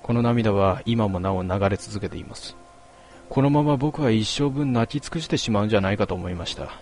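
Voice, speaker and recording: A man reading a first-person story aloud in a measured, quiet and melancholy way. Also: fairly low pitch, animated, faint music behind. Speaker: narrator.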